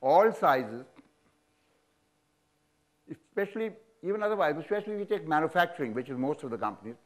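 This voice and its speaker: Animated Indian businessman in his seventies. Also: a little high, brisk. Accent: Indian English. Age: 70s. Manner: animated, frank, sweeping hand gestures, chuckling. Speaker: business leader guest. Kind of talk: on-stage interview. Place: auditorium stage. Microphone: lapel mic.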